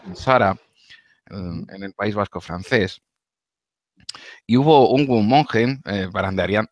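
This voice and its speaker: Man, lowish voice, interviewer, hesitant, dry close sound. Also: dry recording. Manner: hesitant, many fillers and repeated words. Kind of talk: casual interview, live stream.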